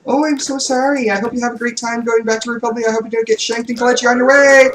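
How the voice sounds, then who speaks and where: A sugary, over-polite male border inspector in a video game, his voice pushed way up high and bright, as a man puts him on. The politeness drips with sarcasm, every line rising into a chirpy lift. It sounds a bit far from the mic, with faint hiss behind. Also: fairly even intonation, fast talker. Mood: sarcastically sweet. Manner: syrupy, sarcastic customer-service politeness.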